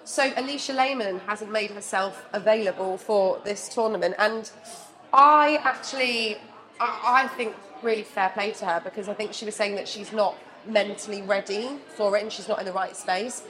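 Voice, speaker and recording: A woman's voice: mid-range voice, moderate pace, fairly bright tone. A woman hosting a sports podcast in casual chat, leading the talk with light laughter. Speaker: podcast host.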